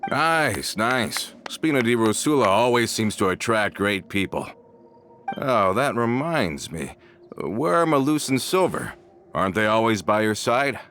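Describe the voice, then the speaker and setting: An actor playing an earnest, loyal syndicate man in an anime-style video game, with expressive delivery. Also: fairly low pitch, measured pace, a little hiss or hum. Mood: friendly. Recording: game music behind. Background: music.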